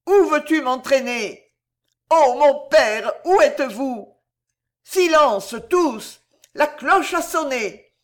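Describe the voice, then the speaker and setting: An audiobook reader voicing a mad old bohemian woman who cries out in shrill, raving tones. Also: a bit bright. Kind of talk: audiobook character voice.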